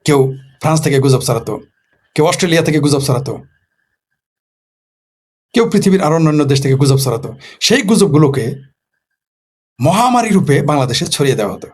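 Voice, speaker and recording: A man's voice: fairly high pitch, expressive, fairly quick, pauses often, breathy edge. A man from Bangladesh, a political commentator in a casual late-night monologue who poses rhetorical questions and answers them himself.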